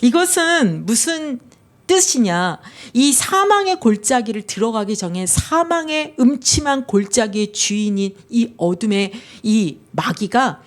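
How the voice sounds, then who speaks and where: Lively woman preaching a sermon. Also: on the high side, a little slow. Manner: animated storytelling with quoted dialogue; asks the listeners questions. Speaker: pastor's wife preaching.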